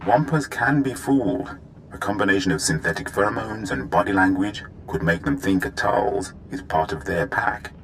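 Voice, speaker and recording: An actor playing a formal, dignified alien military strategist in a video game, speaking in a measured, precise way. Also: male voice, low voice, lively intonation, fairly bright tone, slight background noise, low-quality recording. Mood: calculating.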